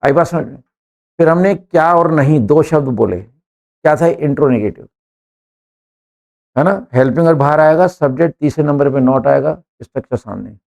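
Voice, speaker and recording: A man's voice: on the high side, moderate pace, gravelly, pauses often, darkish tone. A man teaching an English class, joking and quizzing students one by one.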